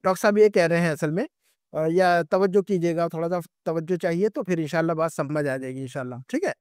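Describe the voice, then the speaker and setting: A man's voice: on the high side, darkish tone, clear, resonant tone, no echo, clean studio sound. A man, teaching an Arabic class online and patiently repeating points to check his students follow.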